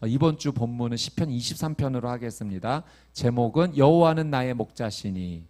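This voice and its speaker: A man preaching a sermon as pastor, moving between quiet storytelling and loud, fervent preaching. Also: medium pitch, animated, a little fast.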